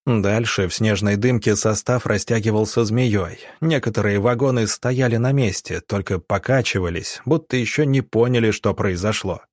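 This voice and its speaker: A man narrating an audiobook with a dramatic, measured delivery. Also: on the low side, no room sound, studio quality.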